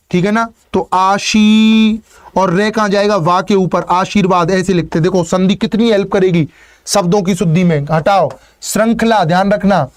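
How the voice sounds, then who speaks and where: A high-pitched man teaches a live online exam-prep class. He explains step by step, checks in with "ठीक है ना" and cheers on his students by name. His voice sounds dry and close to the mic. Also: no echo. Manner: greets students by name and encourages them.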